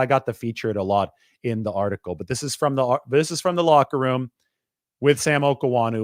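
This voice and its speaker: Breaking down the numbers in a chatty sports analysis monologue, this male reporter speaks quickly at a medium pitch. The sound is dry and close, with no room noise.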